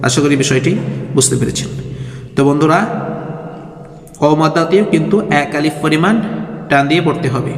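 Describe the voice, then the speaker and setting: A man teaching Quran reading, chanting each letter sound in a slow sing-song drill between short explanations. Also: on the high side. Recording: echoey room with long reverb, faint music.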